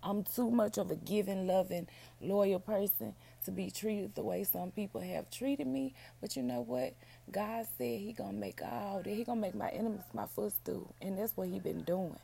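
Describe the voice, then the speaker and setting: Raspy, hoarse woman podcaster. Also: mid-range voice, moderate pace, mellow. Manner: down-home, addresses listeners as y'all and baby. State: hoarse, feeling unwell. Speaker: podcast host, book reviewer. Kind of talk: casual solo podcast chat.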